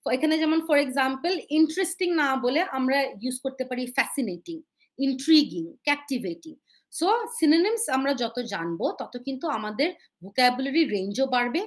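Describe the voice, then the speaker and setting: High-voiced woman teaching an IELTS webinar. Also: expressive. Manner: mixes Bengali with English phrases, slows down to read English points aloud. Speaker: IELTS speaking instructor. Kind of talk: live webinar lesson. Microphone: webinar microphone.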